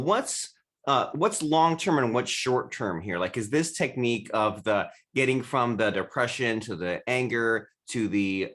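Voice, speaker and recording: A man hosts a podcast interview with an average-pitched voice. He asks long, loose questions full of fillers and restarts. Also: a bit bright. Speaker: podcast host.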